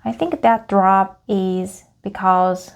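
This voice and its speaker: A Korean-speaking woman learning English reads a practice script aloud in a slow, gravelly voice of medium pitch and steady tone. She is halting, repeating phrases and correcting herself.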